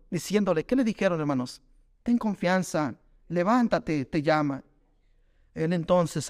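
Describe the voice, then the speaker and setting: A man preaching a sermon, often addressing his listeners as brothers and asking them rhetorical questions. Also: sits high. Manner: keeps calling the audience "hermanos" and asks rhetorical questions.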